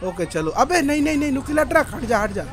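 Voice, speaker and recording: A young man giving excited gameplay commentary, with loud, frantic outbursts and phrases repeated over and over. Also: very high-pitched, quick pace, some chatter behind. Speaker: gaming YouTuber.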